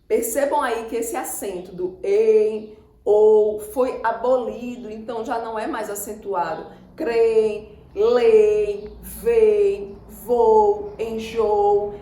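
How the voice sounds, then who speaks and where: A woman teaching a Brazilian Portuguese grammar lesson for exam prep, repeating words slowly and breaking them into syllables. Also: on the high side, dark tone, echoey room, rough recording.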